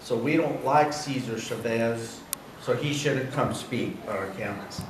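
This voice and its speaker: A man's voice: mid-range voice, measured pace, a little hiss or hum, natural voice. A man voicing a smug young male college student, a growers' son, in a dismissive drawl with a Southern US accent, heard in a roomy hall from a distant mic.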